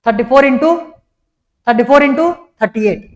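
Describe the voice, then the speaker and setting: High-voiced man teaching. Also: moderate pace. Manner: explains step by step, keeps asking if it is clear. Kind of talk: classroom lecture.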